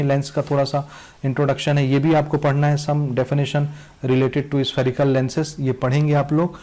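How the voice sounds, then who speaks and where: Young guy teaching a class, chhattisgarhi hindi accent, relaxed dark tone, keeps repeating himself. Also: medium pitch. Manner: repetitive, urging students to cross out topics. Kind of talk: classroom lesson addressed to students.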